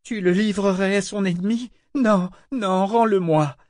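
A man's voice: on the high side, lively intonation, normal speed, dark tone, slightly rough, no echo, studio quality, pitched above the performer's own voice. A man voicing a desperate young woman who pleads and soothes her dying lover. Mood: frantic. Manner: pleading, frantic, tearful.

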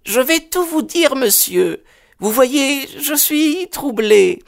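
A reader voicing an anxious, earnest middle-aged widowed landlady who pleads and sighs in a raised pitch. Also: expressive, slow pace, gravelly, exaggerated voice. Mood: anxious pleading. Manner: high, earnest and agitated, sighing.

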